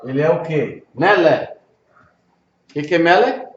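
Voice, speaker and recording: In a relaxed one-on-one session, this Brazilian man, a pastor, teaches Hebrew, patiently saying pronunciations again and making sure they're understood. He speaks slowly and animatedly in a somewhat high voice with a Brazilian Portuguese accent, captured in an echoey room on dull, lo-fi audio with faint noise.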